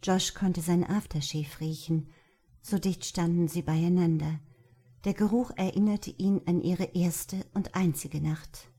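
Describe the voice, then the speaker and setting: Woman, audiobook narration, steady, even, low voice. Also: a little slow, husky. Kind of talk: scripted narration.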